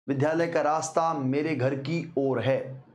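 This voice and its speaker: A male teacher giving an exam-prep grammar lesson, explaining slowly, repeating key words and sounding out syllables for his students. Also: fairly high pitch, steady tone, a little mellow. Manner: addresses students repeatedly, slow deliberate explanation with repetitions; sounds out syllables to demonstrate pronunciation.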